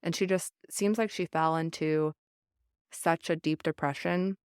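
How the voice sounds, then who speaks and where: Low smooth Southern woman, earnest. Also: steady tone, a little slow, no echo, clean studio sound. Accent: Southern American. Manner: earnest, reflective, many fillers. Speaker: book club podcast host. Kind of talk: casual book discussion.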